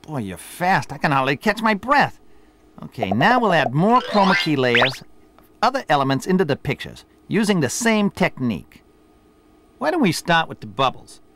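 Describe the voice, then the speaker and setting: A man's voice: a little high, sing-song, moderate pace, background noise. An actor playing a boastful, teasing middle-aged boss who instructs his apprentice in scripted promotional dialogue. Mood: bossy. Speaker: boss character in a promo video.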